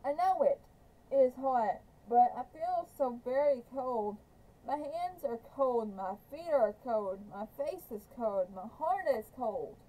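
A woman reading aloud as a weary, defiant woman outlaw alone in a desert cabin, in a flat, stubborn, slightly halting way. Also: high voice, full character voice, rough recording. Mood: wistful. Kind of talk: amateur audiobook reading.

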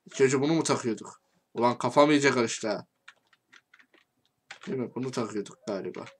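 A man with a Turkish accent giving casual game commentary, talking to himself and swinging from quiet muttering to angry shouting. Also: mid-range voice, brisk, a little hiss or hum. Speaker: gaming YouTuber.

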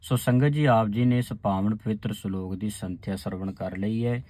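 A man teaching the exact pronunciation of scripture, chanting each word slowly and then explaining in quick asides where to pause. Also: on the low side, fairly even intonation, dark tone, dry recording. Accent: Punjabi. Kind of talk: slow recitation lesson.

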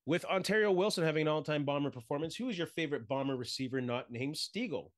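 Male podcast co-host, somewhat high voice, blunt and direct, runs the question segment. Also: lively intonation, fast. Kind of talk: casual sports chat.

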